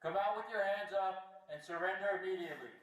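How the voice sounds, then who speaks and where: A man's voice: sits high, brisk. A man, a police officer, giving repeated commanding orders through a megaphone outdoors at an apartment complex. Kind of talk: police announcements. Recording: echoey megaphone from far off.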